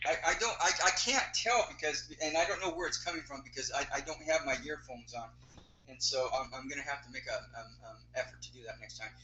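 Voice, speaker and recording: A man's voice: medium pitch, sharp tone, lo-fi sound. Man hosting on a roomy speakerphone. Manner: halting, repeats words and restarts a lot. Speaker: host. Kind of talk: live call-in radio show hosting. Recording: roomy speakerphone echo, faint hiss.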